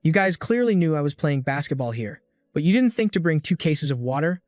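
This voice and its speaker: A man's voice: fairly high pitch, big pitch swings, brisk, darkish tone, dry recording, clean studio sound. A man voicing an arrogant, sneering young male school bully in a recap story. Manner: sneering, contemptuous.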